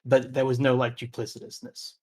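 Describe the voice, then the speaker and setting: A man's voice: medium pitch, monotone, a little mellow. Man running a tabletop game. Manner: measured, unhurried narration with filler words. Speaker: game master.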